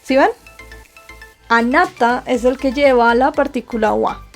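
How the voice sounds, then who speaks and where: A Colombian woman who teaches Japanese explains grammar over slides, step by step, in a high voice with a gravelly edge. Unhurried and patient, she asks rhetorical questions and answers them herself while soft music plays faintly behind her.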